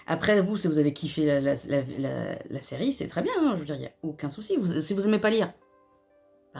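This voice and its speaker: A woman's voice: low voice, gravelly, dark tone. A young woman chatting casually as she reviews a TV episode, slangy and full of restarts. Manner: chatty and slangy, with frequent fillers, restarts and laughter. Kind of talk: casual chat.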